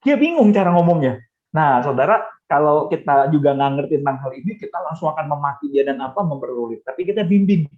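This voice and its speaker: A man's voice: a little high, expressive, quick pace. A middle-aged man, a church counselor, answering a question in a webinar by telling stories and often speaking straight to his listeners. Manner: storytelling, often addressing listeners directly. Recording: dull lo-fi webinar audio.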